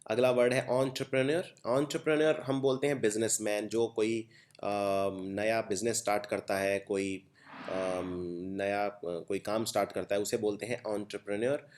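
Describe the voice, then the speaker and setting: A man's voice: fairly low pitch, steady tone, moderate pace, darkish tone. Indian man spelling words aloud. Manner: explains step by step, spells words out letter by letter. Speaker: teacher. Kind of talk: exam-prep vocabulary lesson.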